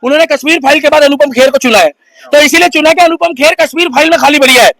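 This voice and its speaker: A man's voice: very high-pitched, fast talker, fairly bright tone, dry recording, rough recording. A man giving an impassioned street interview, preachy and mocking toward absent critics. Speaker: bystander interviewee.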